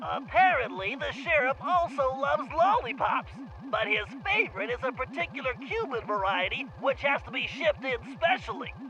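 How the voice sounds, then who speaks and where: A man's voice: extremely high pitch, very animated, normal speed, hardly any pauses, muffled recording, a crowd in the background, full character voice. An actor playing a nerdy, eager male turtle planner in a game cutscene, briefing and making puns. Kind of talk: video game cutscene acting. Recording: game music underneath.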